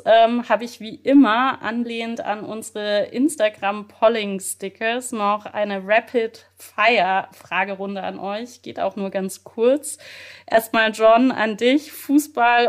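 A woman hosting a podcast interview, summing up and asking quick questions in an upbeat way, with frequent filler sounds. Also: a little high. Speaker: podcast host.

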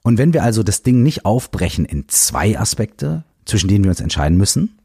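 A man hosting a self-help podcast in casual, animated talk, emphatic and now and then swearing, close to the mic. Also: on the low side, brisk, gravelly, slightly rough, no echo. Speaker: podcast host.

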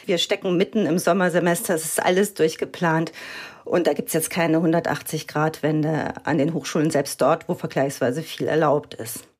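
A woman speaks as a journalist guest on a news podcast. Her voice sits fairly low. She answers in a thoughtful way and likes to use imagery. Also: steady tone, normal speed, breathy edge. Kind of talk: interview answer.

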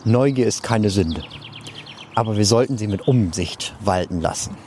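Guy doing a disguised deep voice of an old wizard headmaster, slow and solemn, kinda low, light hiss. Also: a little mellow, lightly acted. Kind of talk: podcast chat, reciting a quote in a put-on voice.

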